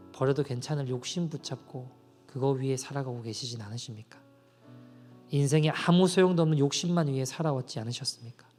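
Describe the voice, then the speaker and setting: A man preaching a sermon as pastor at a Friday church service. He tells a story earnestly, then builds into fervent appeals to the congregation. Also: medium pitch. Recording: reverberant church hall with soft instrumental music behind.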